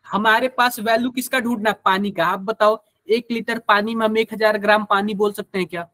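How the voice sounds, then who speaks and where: A man's voice: high-pitched, steady tone, a little fast, pushed and bright, no room sound. A man with a Hindi accent teaching a live online chemistry class, quizzing students and using everyday examples.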